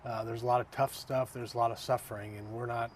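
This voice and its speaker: A man's voice: medium pitch, flat delivery, quick pace, slight background noise. A man hosting a talk show, chatty and repeating words as he searches for them. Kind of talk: casual interview.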